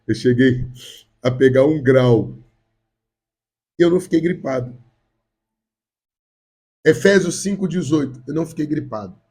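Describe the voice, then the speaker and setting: A pastor with a cold, a Brazilian man speaking Rio de Janeiro Portuguese, preaches repetitively and emphatically, speaking directly to his congregation. His voice is a little high, expressive, mellow and slightly rough, and he goes a bit slowly with long pauses.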